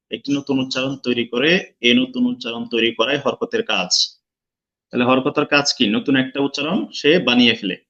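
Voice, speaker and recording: A man's voice: mid-range voice, fairly bright tone, muffled recording. A man teaching an online lesson, explaining step by step and quizzing his students. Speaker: Quran recitation teacher.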